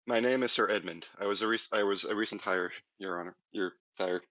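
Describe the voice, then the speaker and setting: A man's voice: lowish voice, fairly quick, pushed and bright, dry recording. A man playing a guard who bluffs in stiff, hesitant, formal phrases. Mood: bluffing.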